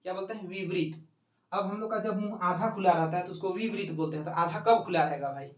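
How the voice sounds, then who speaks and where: A man's voice: high voice, fast. Man, teacher, exam-prep lesson, repetitive step-by-step explaining, echoey room. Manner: explains step by step, asks and answers his own questions, repeats "ठीक है". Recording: echoey room, mic at a distance.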